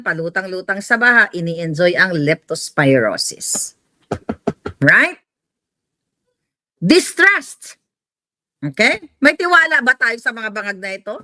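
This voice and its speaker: A woman's voice: high voice, bright, forceful tone, dry recording. A woman with a Filipino accent giving heated, mocking political commentary, mixing in English asides.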